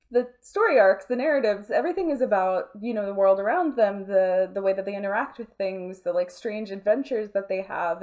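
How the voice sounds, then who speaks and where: A woman who is an artist and voice actor speaks as an interview guest in a mid-range, slightly mellow voice. She's informal and thoughtful, frequently restarting her sentences.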